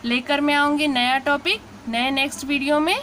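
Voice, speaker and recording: A woman teaching Hindi pronunciation, talking her students patiently through drawn-out syllable drills. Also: high voice, fairly even intonation, fairly bright tone, a little hiss or hum. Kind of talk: slow spoken lesson.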